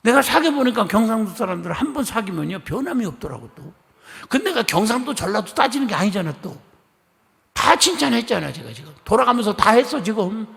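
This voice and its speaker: A middle-aged man from Korea's Chungcheong region preaches in a church sanctuary. His voice sits high and gravelly, leaping up and down as he tells stories and acts out conversations. Long hall reverb trails every phrase. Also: very animated, a little fast, fairly bright tone. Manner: chatty storytelling, acting out dialogue; coaxing the congregation to respond. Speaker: pastor. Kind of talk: lively sermon.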